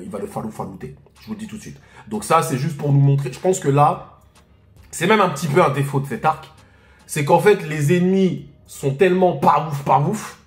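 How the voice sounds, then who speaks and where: Excitable high-voiced man reacting to manga. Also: roomy sound. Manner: excitable, shouts and laughs at fights; slangy casual talk to viewers. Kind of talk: reading and reacting to a manga chapter.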